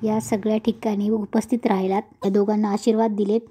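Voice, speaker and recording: A woman reading a calm elder peacemaker. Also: mid-range voice, a little fast, a little hiss or hum, natural voice. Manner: calm, placating.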